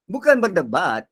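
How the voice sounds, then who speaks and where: A man giving a Quran reflection lecture. He is expressive and swings between soft and loud delivery. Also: sits high, slightly rough. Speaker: religious teacher.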